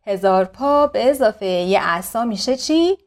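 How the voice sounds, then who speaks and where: Brief: warm, teasing old millipede grandpa with a cane, slow delivery, voiced by a woman narrator. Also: on the high side, animated.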